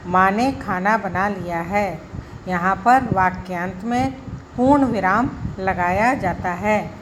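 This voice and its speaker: Slow, careful woman teacher. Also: medium pitch, noisy background. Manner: slow, deliberate explaining with examples. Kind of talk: school grammar lesson.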